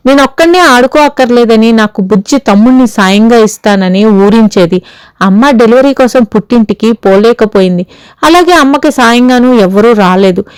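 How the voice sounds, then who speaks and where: A woman's voice: fairly high pitch, smooth, no room sound, close to an everyday voice, rough recording. A woman reading as a haunted, guarded young husband.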